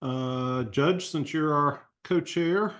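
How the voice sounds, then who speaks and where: A man's voice: on the high side, slow. A man organizing a meeting over a video call, brief and courteous, with a few hesitations.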